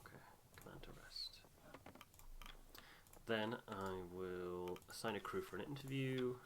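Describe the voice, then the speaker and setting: Speaking at a measured pace, a man with a fairly low, vocal-fry voice hosts a game playthrough, reading on-screen text and thinking aloud casually. The background is noisy, with guitar game music behind him.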